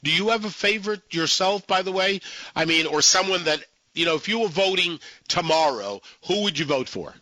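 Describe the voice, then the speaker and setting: A man hosting a live political call-in radio show, with halting, repetitive phrasing. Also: high voice, expressive, sharp tone, no room sound, poor audio. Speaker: radio talk show host.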